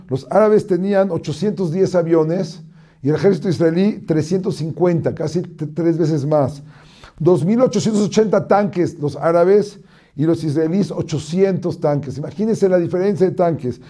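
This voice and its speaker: Storytelling rabbi with a mellow voice. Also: male voice, sits high. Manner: storytelling, acts out cries in a raised voice, frequent restarts. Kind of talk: sermon-style teaching talk.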